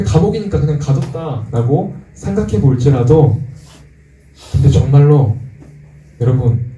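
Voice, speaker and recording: A man with a warm, mid-range voice preaches as pastor, captured from a distance in an echoing room. He talks with the congregation in a conversational way and poses questions to them.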